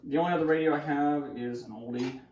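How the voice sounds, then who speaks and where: This creaky-voiced man, fairly high-pitched and a little mellow, presents weather radios as a hobbyist collector, speaking haltingly and partly to himself as he handles the gear. The audio is dull, recorded in a small cluttered room at home with faint background noise, clicks, and handling sounds.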